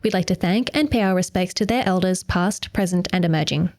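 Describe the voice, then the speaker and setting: An Australian woman hosting a podcast starts with a scripted intro before casually interviewing her guest, friendly and a bit hesitant. Her voice is lowish, a little fast, and somewhat mellow, with a slight hiss or hum in the recording.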